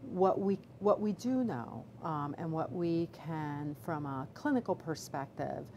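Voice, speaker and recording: A middle-aged woman obstetrician gynecologist answering questions in a live video Q&A, measured and full of fillers and restarts. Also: low voice, expressive, a little mellow, dull audio. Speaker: obstetrician gynecologist, chief medical officer. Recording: background noise.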